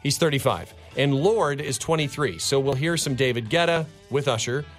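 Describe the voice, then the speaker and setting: A man's voice: medium pitch, lively intonation, moderate pace, faint music behind. An American man working as a morning show host, with casual, upbeat radio banter. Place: radio studio.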